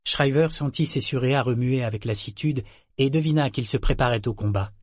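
A man narrates an audiobook with measured, even storytelling. His voice is medium-pitched, recorded at studio quality with no room sound.

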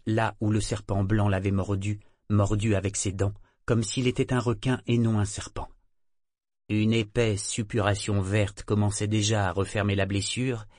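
A man reading an audiobook in an even, measured storytelling manner. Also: on the low side, no echo, studio quality. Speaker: audiobook narrator. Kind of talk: scripted narration.

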